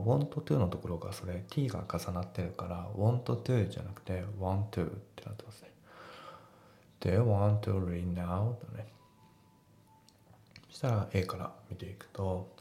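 A low, gravelly male voice with a dark, mellow tone, talking through exam questions in a relaxed teaching style. He explains each sentence piece by piece. The recording has a noticeable echo, as if made in a bare room. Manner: relaxed explanatory, breaks sentences into grammar parts. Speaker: English teacher. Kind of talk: casual exam walkthrough lesson.

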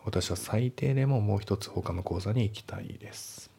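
A man's voice: on the low side, moderate pace, gravelly, warm tone, husky. A man teaching English for an exam, breaking sentences down step by step with casual asides. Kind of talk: spoken exam-prep lesson.

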